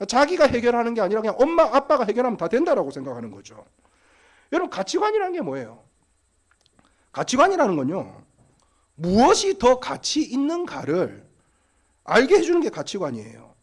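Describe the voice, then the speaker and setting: A male pastor, preaching to parents in a high, quick voice. His delivery swings widely in pitch as he tells stories and acts out the people in them. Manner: animated storytelling, acts out quoted voices. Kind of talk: sermon-style seminar for parents.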